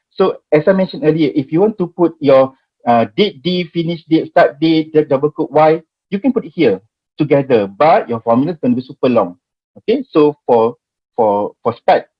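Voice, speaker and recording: A Malaysian-accented man in his forties teaches Excel during a live screen-share tutorial, chatting along and repeatedly checking in with "okay?" and "right?". His voice is on the high side and slightly rough, and the recording sounds muffled.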